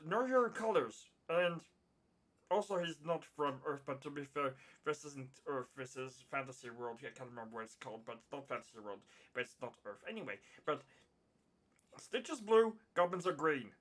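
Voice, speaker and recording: Rambling tabletop player, lively voice. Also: mid-range voice, moderate pace. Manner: rambling, repeats itself. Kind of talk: casual chat.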